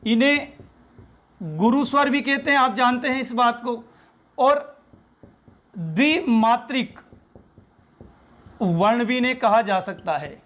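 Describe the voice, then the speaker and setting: A man's voice: very high voice, fairly bright tone. A man teaching a Hindi grammar lesson in a patient classroom manner, often asking questions and then answering them himself. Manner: patient, repeats reminders to pay attention. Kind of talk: classroom lecture.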